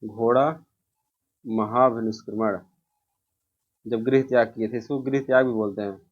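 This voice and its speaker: Here a man explains exam material casually, putting questions to the listener and then resolving them himself. His mid-range voice keeps a steady tone at normal speed, heard through a dull, muffled, lo-fi recording.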